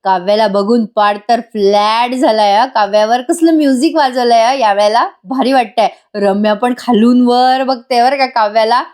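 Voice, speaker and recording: A woman recapping a TV serial episode in a voice-over review, chatty and excited, laughing often. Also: fairly high pitch, moderate pace, few pauses.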